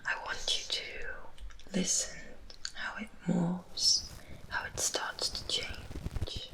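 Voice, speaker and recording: Slow whispering woman, ASMR. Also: lowish voice, rough recording. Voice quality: breathy unvoiced whisper. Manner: soothing, deliberate, repeats words softly. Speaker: ASMR host guiding relaxation.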